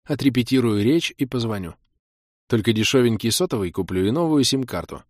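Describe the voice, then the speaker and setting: A man's voice: medium pitch, animated, brisk, no room sound, studio quality. A young man narrating a first-person audiobook with a wry, self-ironic tone.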